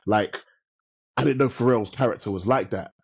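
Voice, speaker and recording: A middle-aged man with a London accent co-hosting a casual film review chat, slangy and animated, repeating himself for emphasis. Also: mid-range voice, moderate pace, gravelly, husky. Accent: British, London. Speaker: podcast co-host reviewing films. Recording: slightly dull, lo-fi sound.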